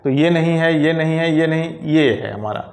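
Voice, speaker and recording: A man with a fairly high, darkish-toned voice teaches Hindi grammar at normal speed, taking each exam question step by step and methodically reading out every correct option. The recording has noticeable room echo.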